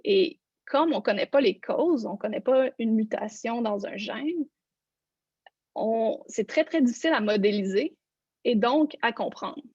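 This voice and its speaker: A woman's voice: on the high side, a little slow, a little mellow, husky, no room sound. A woman, a researcher giving an online lecture and walking listeners through her slides. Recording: dull, lo-fi online conference audio.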